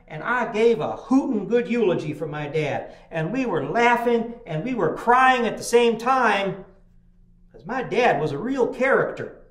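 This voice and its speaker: With a high voice carrying reverb through a small church chapel, an older pastor preaches at a midweek service. He tells folksy tales and keeps restarting his lines.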